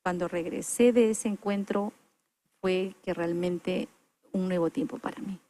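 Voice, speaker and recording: A woman's voice: fairly low pitch, steady tone, measured pace, dark tone. Woman, podcast guest, earnest reflective testimony. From Peru. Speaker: interview guest. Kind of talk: personal testimony in a chat.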